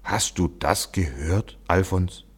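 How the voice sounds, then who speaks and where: A man voicing an eager, gentle male donkey in a raised, lively voice. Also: on the low side, normal speed. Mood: whispering.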